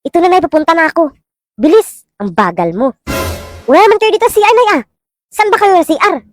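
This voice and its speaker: A woman's voice: very high voice, rapid-fire, no room sound, studio quality, faint music behind. A woman with a Filipino accent acting out short comic skits, switching between characters. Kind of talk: comedic POV skits playing many characters.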